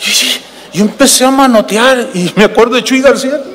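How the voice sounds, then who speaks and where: An older Mexican pastor preaching in a raised, high-pitched voice. He is emphatic, repeats his phrases and keeps calling the congregation brothers. His words ring out with the long reverb of a large hall. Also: moderate pace, a bit bright. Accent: Mexican Spanish. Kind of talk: sermon with storytelling.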